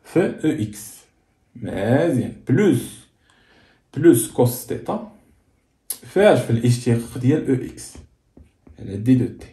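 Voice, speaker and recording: Moroccan guy teaching at the board, asks stuff then answers it, dark voice, echoey classroom. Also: medium pitch, big pitch swings, normal speed, pauses often. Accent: Moroccan Arabic. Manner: asks and answers his own questions, coaxing students to follow. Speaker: physics teacher. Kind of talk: blackboard lesson. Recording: echoey room.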